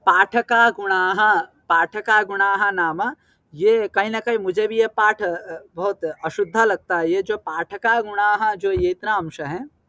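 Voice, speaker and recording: A man with a notably high voice teaches a class in a patient, explanatory way. He draws out verse terms slowly and deliberately, then stops to ask whether his students have followed. The recording is close and dry, with almost no room sound. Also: bright, forceful tone, no echo. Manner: patient, checks understanding with questions. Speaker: Sanskrit teacher. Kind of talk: explanatory lesson.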